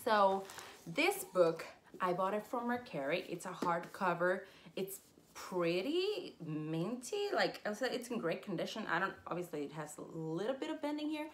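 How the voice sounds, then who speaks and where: A woman in her twenties who grew up in Puerto Rico speaking Spanish chats excitedly through a collector's haul video, surrounded by shelves of collectibles. Her medium-pitched voice moves at a moderate pace with a little hiss or hum, and she squeals and laughs often into a desk-distance camera.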